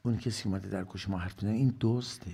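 A man's voice: on the low side, steady tone, creaky, mellow, slightly rough. A man giving a religious sermon, asking rhetorical questions and answering them himself, rising to emphatic bursts and dropping to whispered asides. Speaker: preacher.

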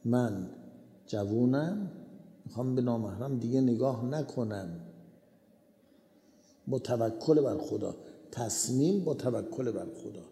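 Man preaching in a very dark, mellow voice. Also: mid-range voice. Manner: repeats key phrases for emphasis. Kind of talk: sermon. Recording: echoey hall reverb.

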